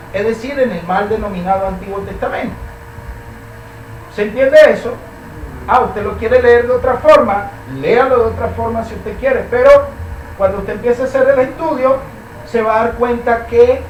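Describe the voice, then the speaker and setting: A man's voice: very high voice, a little hiss or hum. A man teaching a Bible study class, emphatic and full of rhetorical questions. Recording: echoey room, mic at a distance.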